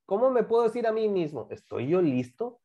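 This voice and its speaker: A woman, an English teacher giving a class to children, repeating example phrases slowly and quizzing her students. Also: medium pitch, sing-song, highs cut off. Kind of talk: online class teaching English grammar to kids.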